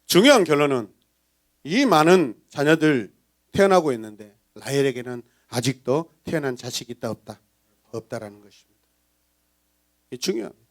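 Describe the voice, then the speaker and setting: A man preaching a Sunday sermon as pastor, animated and dramatic, acting out voices and breaking into song. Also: medium pitch, moderate pace, long pauses. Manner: animated preaching, bursts into sung praise; acts out villagers' gossip in voices.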